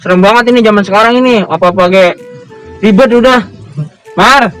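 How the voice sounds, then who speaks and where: A fussy young Betawi man, as an actor plays him, insistent and exclaiming, who keeps calling his friend's name. His voice sits very high for a man. Faint music plays behind him. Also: fairly quick, a bit bright, rough recording. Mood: fretful. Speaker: actor in a comedy skit. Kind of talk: amateur comedy short film.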